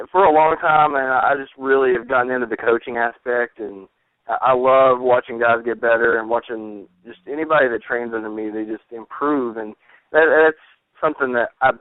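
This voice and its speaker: Over a narrow, phone-like line with no room sound, a man in his late twenties gives a casual interview as a fighter and coach. His pitch is average for a man. He speaks earnestly in halting runs, restarting and repeating phrases. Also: dry recording. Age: 20s. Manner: earnest, halting, repeats words and leans on "you know". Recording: thin, phone-like radio or phone line.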